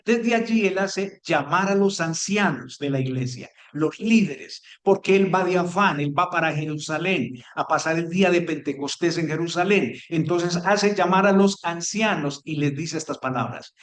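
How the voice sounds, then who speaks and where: A man teaching a sermon as pastor, emphatic, stressing key words one by one with pauses. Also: high voice. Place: church hall. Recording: echoey church hall.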